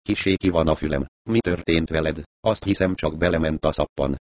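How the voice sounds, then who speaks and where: A man narrating a crime story aloud, reading dialogue and narration in a steady voice. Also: rumbling low. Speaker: audiobook narrator. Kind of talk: scripted narration.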